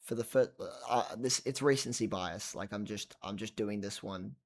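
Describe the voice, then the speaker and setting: A man's voice: on the low side, normal speed. A tired man rambling casually about an album late at night at home, swearing now and then and trailing off into mumbles. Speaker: vlogger reviewing a record.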